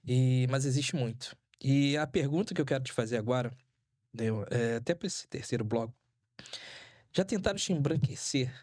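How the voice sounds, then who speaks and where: Halting Brazilian male podcast host. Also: medium pitch, darkish tone, no echo, studio quality. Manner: halting, with filler words and restarts. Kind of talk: interview questions.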